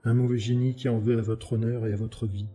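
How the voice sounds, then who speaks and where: A man's voice: on the low side, steady tone, unhurried, dark tone, close to an everyday voice. A man voicing a sinister, cold male aristocrat who speaks in a cutting, menacing way.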